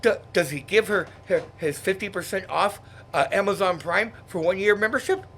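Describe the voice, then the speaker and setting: A man's voice: sits high, moderate pace, fairly bright tone, slight background noise. A man co-hosting a comedy show, reacting to a plot in an exasperated, mocking way. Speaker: co-host reacting to the script. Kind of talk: comedic banter.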